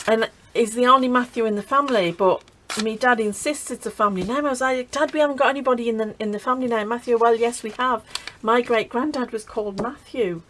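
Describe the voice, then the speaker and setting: A woman's voice: on the high side, quick pace, few pauses, a bit bright, slight background noise, low-quality recording. A middle-aged woman chatting casually while crafting, laughing often and restarting her sentences. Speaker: craft channel host.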